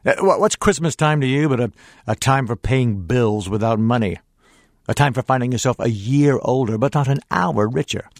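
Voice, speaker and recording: A man's voice: mid-range voice, normal speed, vocal fry, no room sound, studio quality, pitched above the performer's own voice, natural voice. An actor playing Scrooge, a bitter, miserly old man, delivering his lines with theatrical contempt. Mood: scornful. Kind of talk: stage reading.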